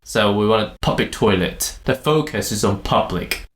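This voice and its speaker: A man's voice: on the low side, moderate pace, fairly bright tone, reverberant. A man from Malaysia with a Malaysian accent, hosting a podcast and explaining language points in casual chat, often laughing. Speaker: podcast host. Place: room in the UK.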